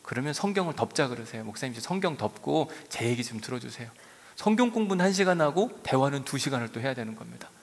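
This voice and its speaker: A middle-aged male pastor preaching a sermon, telling stories with lively swings between soft asides and raised emphasis. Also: mid-range voice. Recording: long hall reverb.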